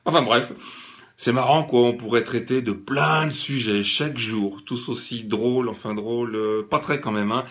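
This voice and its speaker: A man vlogging a casual satirical monologue, ironic and halting, with many fillers. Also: mid-range voice, a bit bright.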